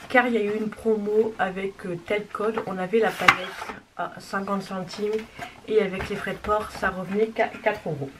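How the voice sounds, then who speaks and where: A woman showing off a makeup haul in a casual, gushing way, sometimes dropping to a soft whisper. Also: mid-range voice, fairly even intonation, normal speed. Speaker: beauty vlogger. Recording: distant mic with clear background noise.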